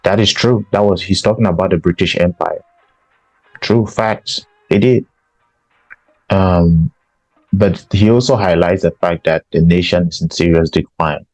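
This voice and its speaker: A man's voice: low voice, steady tone, measured pace, a little mellow, no echo, soft background music, rough recording. A man from Cameroon, hosting a podcast and giving an emphatic political commentary monologue. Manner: emphatic, repeats himself for stress. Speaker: podcast host.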